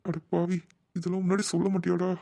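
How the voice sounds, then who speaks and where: A man's voice: high-pitched, monotone, fast talker, gravelly, mellow, no echo. A man doing a fussy, wary father-in-law. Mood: worried.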